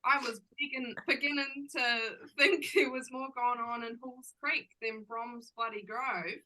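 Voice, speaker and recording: A woman's voice: a little high, fairly even intonation, a little slow, pushed and bright, poor audio. [name], a woman playing a brash Kiwi barmaid. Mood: sardonic. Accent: New Zealand with Australian twang. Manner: blunt, sarcastic, slangy banter. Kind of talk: amateur audio drama.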